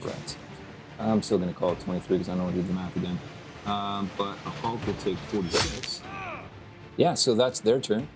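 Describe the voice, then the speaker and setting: A man narrating as game master, halting with many fillers. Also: fairly low pitch, steady tone, over music.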